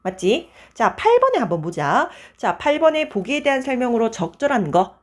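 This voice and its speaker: A woman teaching an exam-prep grammar lecture, moving briskly through answers and checking in with her students again and again. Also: fairly high pitch, big pitch swings.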